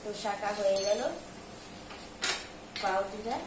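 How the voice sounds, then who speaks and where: Filmed in her kitchen by her husband from some distance, a middle-aged vlogger chats hurriedly and rambles, confessing she talks fast and muddles words. Her mid-range voice has little pitch movement, and the home recording is roomy, distant and noisy.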